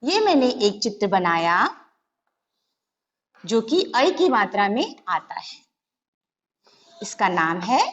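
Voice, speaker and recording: A woman's voice: medium pitch, a little hiss or hum. A woman teaching a Hindi lesson to young children, patiently sounding out syllables one by one. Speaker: primary school Hindi teacher. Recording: dull lo-fi recording with long hall reverb.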